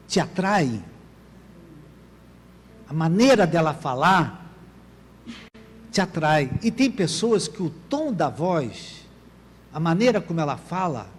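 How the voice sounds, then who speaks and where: A man's voice: sits high, slightly rough. A man preaching a sermon as pastor, often asking the congregation for an amen. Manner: asks the congregation "Amém, querido?" often. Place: church. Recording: long church reverb.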